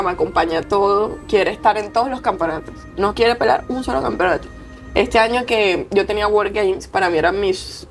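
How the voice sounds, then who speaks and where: A young woman with a Colombian accent, a tearful athlete telling stories in an interview and acting out the people she quotes. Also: medium pitch. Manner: expressive, acts out quoted voices. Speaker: athlete guest. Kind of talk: emotional interview storytelling.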